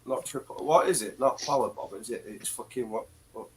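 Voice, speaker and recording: A man's voice: mid-range voice, fairly quick, slight background noise, low-quality recording. An English man in casual chat, swearing freely and teasing his friends. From England. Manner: crude, teasing, swears a lot.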